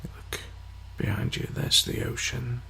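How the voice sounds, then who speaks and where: A man leading an ASMR guided meditation in a hushed, soothing, half-whispered voice with long pauses. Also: slight background noise.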